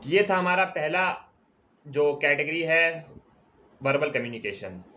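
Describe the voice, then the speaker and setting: A man teaching a commerce lecture at a board, explaining terms step by step and stretching key words out slowly. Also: fairly high pitch, animated, pushed and bright. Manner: repeats key terms slowly, checks in with "ठीक है". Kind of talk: classroom lecture.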